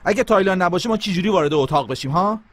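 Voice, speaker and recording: A man's voice: sits high, animated, a bit bright. A man dubbing a cheeky, chatty young man in a TV drama. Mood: teasing. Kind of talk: dubbed TV drama. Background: music.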